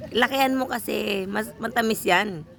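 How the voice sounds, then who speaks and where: A woman's voice: mid-range voice, normal speed, creaky, a bit bright. A woman with a Filipino accent chats casually at home in mixed Tagalog and English, teasing and coaxing like a parent. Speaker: parent filming a child's taste challenge.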